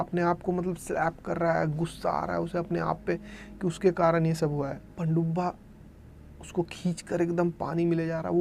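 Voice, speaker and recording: A man's voice: sits high, vocal fry, mellow, slight background noise. A man casually retelling a horror story in spoken style, acting out the cries of the people in it as he goes. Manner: retells events in present tense, dramatizing quoted cries.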